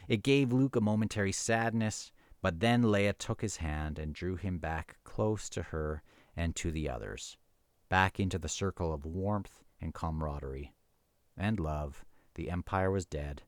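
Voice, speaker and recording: In a low voice, recorded at studio quality with no room sound, a book review show host muses casually about a book, reading passages aloud. He sometimes stumbles over his words.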